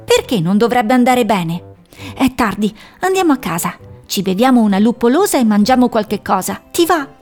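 A woman voicing a young female owl who is cheerful and caring, talking in a bright, reassuring way. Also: on the high side, sing-song, normal speed, faint music behind. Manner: bright, reassuring, a little anxious underneath.

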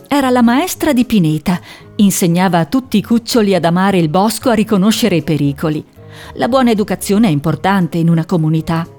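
A woman reads a children's storybook aloud in a gentle, expressive manner. Soft music plays faintly beneath her narration. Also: lowish voice.

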